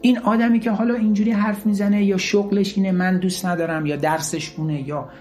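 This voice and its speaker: A man's voice: high-pitched, steady tone, darkish tone, faint music behind. A man giving an earnest motivational talk, driving his points home with repeated, emphatic lists. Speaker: motivational speaker.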